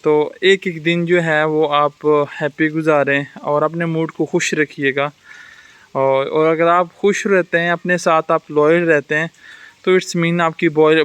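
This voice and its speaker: A man with a slightly high, fairly bright, smooth voice vlogs outdoors in the rain, chatting casually to camera. He's reflective and gives advice, mixing English words into his speech. There's no echo.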